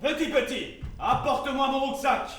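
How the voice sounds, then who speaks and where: A man's voice: extremely high pitch, normal speed, a bit bright. A man playing a vain, pompous, easily offended general in a stage comedy, declaiming his lines. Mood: vain, indignant. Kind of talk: comic stage theatre acting. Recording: echoey hall from far off, faint noise.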